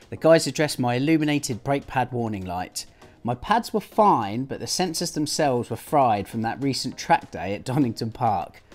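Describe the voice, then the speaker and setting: A man's voice: mid-range voice, a little mellow. A young man hosting a car video, narrating upbeat and asking questions. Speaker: host.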